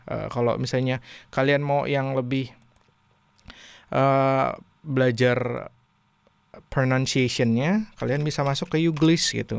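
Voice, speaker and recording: Gravelly casual Indonesian English teacher. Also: male voice, mid-range voice, no echo. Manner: chatty, many fillers, reads English lines slowly then translates. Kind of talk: casual video lesson.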